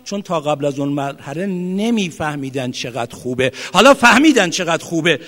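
High-pitched guy giving a fiery sermon, goes quiet then shouts, big hall reverb on it. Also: lively intonation. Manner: swings from hushed to loud shouting. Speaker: preacher. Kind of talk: impassioned sermon.

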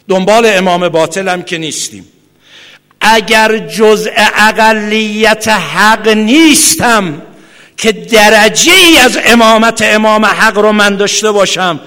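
Fervent preacher, high bright voice. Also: male voice. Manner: fervent, rising to shouts, chants Arabic quotations. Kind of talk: Muharram sermon. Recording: echoey hall with long reverb.

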